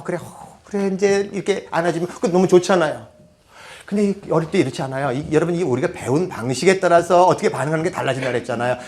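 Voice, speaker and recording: Man lecturing with a raised pitch. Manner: asks the audience rhetorical questions; switches to half-banmal, conversational asides. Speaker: parenting lecturer. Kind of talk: public lecture to an audience.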